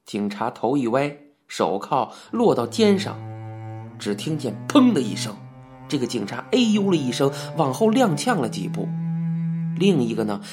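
A male narrator reads a novel aloud in an expressive storytelling manner. His pitch moves freely. Soft music plays underneath. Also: moderate pace. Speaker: audiobook narrator. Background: faint music.

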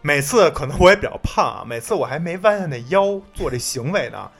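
A man's voice: fairly high pitch, a little fast, soft background music. A man in a casual podcast chat, telling stories bluntly and with frequent swearing. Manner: blunt, profane, animated storytelling. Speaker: podcast co-host.

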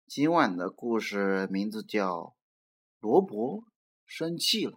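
A storyteller reading a children's picture book aloud, animated and acting out the characters. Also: mid-range voice, takes it slowly.

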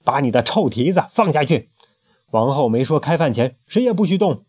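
Fierce rooster guard captain, man voicing it, menacing, barking, lively, muffled lo-fi. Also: on the high side, fairly quick, slightly rough. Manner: snarling, menacing. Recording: muffled lo-fi home recording.

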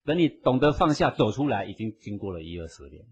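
Man, radio Buddhist lecturer, very husky, fast, emphatic. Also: lowish voice, very animated, a little mellow, dull audio. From Taiwan. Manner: emphatic, preachy, acts out quotes.

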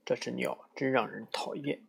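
A man reading aloud, voicing a big, gentle, generous male moose who talks politely and mutters when annoyed. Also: medium pitch, measured pace, a little hiss or hum, lightly acted. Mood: grumbling.

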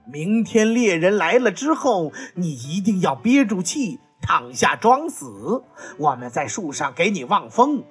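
A woman voicing a gruff, loud crow in a children's storybook, scolding and mocking with a rough voice. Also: on the low side, sing-song, a little slow, soft background music, heavily acted.

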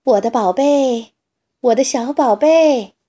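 Mother duck, protective and gentle, calling for her duckling; woman reader. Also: on the high side, unhurried, lo-fi sound. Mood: tender. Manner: tender, calling and soothing.

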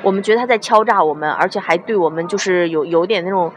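A young woman from China tells a story in casual speech. She is lively and acts out the voices of the people she quotes. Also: on the low side, fast, slight background noise. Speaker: guest telling a story.

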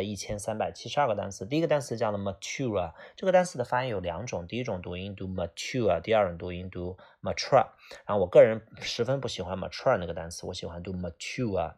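Male English teacher, casual vocab lecture; husky, gravelly voice, self-correcting, keeps saying "OK". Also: deep voice. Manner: peppers speech with "OK啊", corrects himself, gives example sentences.

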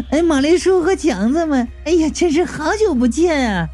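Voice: sits high, animated, moderate pace, dark tone, faint music behind, pitched above the performer's own voice. A storyteller voicing a glamorous young woman pop star who gushes with exaggerated delight at old friends. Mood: gushing.

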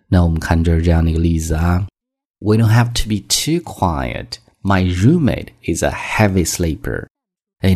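Deep-voiced man teaching vocabulary patiently. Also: dark tone. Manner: patient, explains step by step; reads English examples slowly and clearly. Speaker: English teacher. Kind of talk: bilingual vocabulary lesson.

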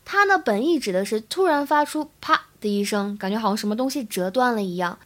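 In this podcast-style English lesson, a young woman from China cheerfully breaks down pronunciation one step at a time. She speaks a little high and a little fast, sounding animated and slightly bright.

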